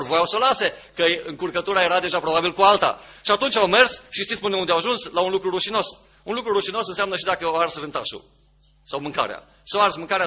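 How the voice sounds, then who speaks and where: A male preacher with a high, sharp voice and a husky edge delivers an emphatic sermon. He hammers key phrases again and again and keeps asking his listeners rhetorical questions. The recording sounds dull and lo-fi.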